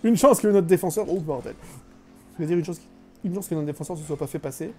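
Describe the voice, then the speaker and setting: Young male streamer, mellow fairly high voice, self-mocking live game chatter over faint music. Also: fast talker, breathy edge. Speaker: gaming streamer. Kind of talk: live gameplay commentary.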